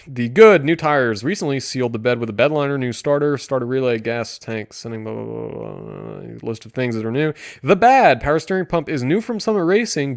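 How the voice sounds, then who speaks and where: A man giving sarcastic commentary, deadpan with mock-enthusiastic outbursts. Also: medium pitch, creaky. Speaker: streamer reviewing car listings.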